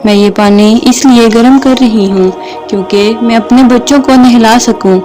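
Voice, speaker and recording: A woman voicing a gentle, patient young mother near death, speaking tenderly and tearfully. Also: fairly high pitch, faint music behind, close to an everyday voice.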